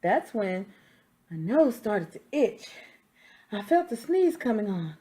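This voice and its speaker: A woman's voice: medium pitch, very animated, slow pace, mellow. A woman voicing an indignant, self-justifying wolf who tells his side of a storybook tale in a folksy, emphatic way. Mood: storytelling, exasperated. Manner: folksy, emphatic, protesting innocence. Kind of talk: storybook read-aloud.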